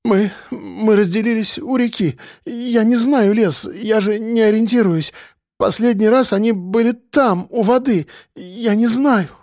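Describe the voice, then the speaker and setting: A man's voice: sits high, a little slow, a little mellow, no room sound, clean studio sound, pitched above the performer's own voice. A man voicing a frightened young woman captive who speaks in a shaky, breaking voice. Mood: trembling.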